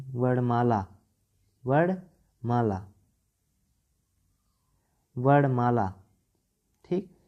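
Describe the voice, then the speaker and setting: A man's voice: mid-range voice, mellow. A man teaching a grammar lesson, spelling words out syllable by syllable and checking in with "okay" after almost every point. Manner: slow, repeats syllables and checks "ठीक" often. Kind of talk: Hindi grammar lesson at a board. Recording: dull lo-fi sound.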